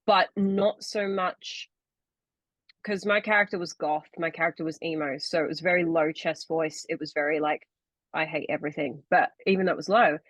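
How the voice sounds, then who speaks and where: Over a video call, a young podcast co-host and actor has a deep voice with fairly even intonation, speaking at normal speed with no echo. It is a casual chat in which she explains things at length, using many fillers.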